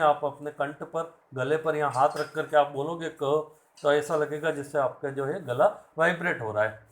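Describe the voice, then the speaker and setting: Man, teacher, slightly high voice, patient, repeats each sound slowly. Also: fairly bright tone. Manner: patient, repeats sounds aloud, asks the class questions. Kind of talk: classroom lecture.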